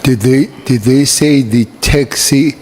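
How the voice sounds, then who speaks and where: A man's voice: medium pitch, takes it slowly, a little mellow. A South African man giving short, terse answers as a witness at a formal hearing. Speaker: government minister testifying. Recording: noisy hearing room ambience.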